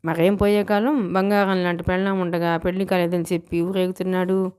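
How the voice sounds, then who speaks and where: A woman voicing a quick-witted young bride who talks briskly and persuasively in an audiobook story. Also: lowish voice, little pitch movement, darkish tone, clear, resonant tone, close to an everyday voice. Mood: mock outraged.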